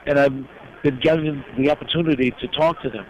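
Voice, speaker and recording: An older man from New York recalls his life in a heartfelt, reflective way, often pausing mid-thought. His voice sits in a middle register. The recording is dull and lo-fi, with a clear layer of background noise. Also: mid-range voice, steady tone. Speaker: guest. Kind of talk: personal storytelling in an interview.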